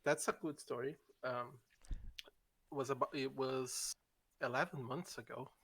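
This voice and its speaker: A man in his late twenties from Brazil speaks as a guest on a streamer podcast. He answers hesitantly, pausing on ums while he finds his words. His tone is casual and conversational. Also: mid-range voice, fairly even intonation, fairly bright tone, slightly rough. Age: 20s.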